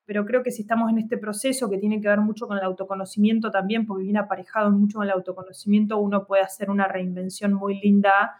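A woman's voice: medium pitch, level tone, fast talker, few pauses, darkish tone. A woman, co-hosting a podcast in a casual, reflective chat full of fillers and tag questions. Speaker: podcast co-host.

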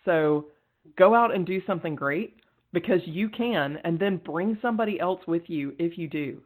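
A woman talking as a guest on a podcast, in an earnest, energetic way and quick to laugh. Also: fairly low pitch, low-quality recording. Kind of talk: casual interview conversation.

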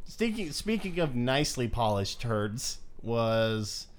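A man's voice: mid-range voice, sing-song, slow, clean tone. A man co-hosting a wrestling review in casual comedic chat, with a wry, sarcastic manner. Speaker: wrestling review show co-host.

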